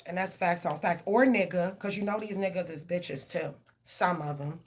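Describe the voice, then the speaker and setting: A woman's voice: fairly low pitch, normal speed, slight background noise. Woman, tarot reader; blunt, profane, heated delivery. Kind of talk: live tarot reading and rant.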